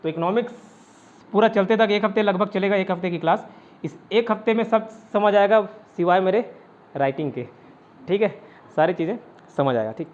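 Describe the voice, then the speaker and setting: A man with a fairly high voice leads an online exam-prep class. He explains step by step and answers his own questions as he goes. The sound is dull and lo-fi. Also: fairly quick, a little mellow. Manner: often adds "ठीक है" to check understanding. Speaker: teacher.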